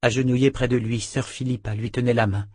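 A man reading a novel aloud in a measured, even way. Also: mid-range voice, no echo. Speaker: audiobook narrator. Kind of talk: scripted narration.

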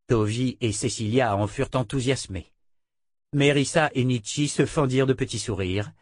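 A man's voice: mid-range voice, dry recording. Man narrating an audiobook, dry sound. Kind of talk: scripted narration. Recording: dry close recording.

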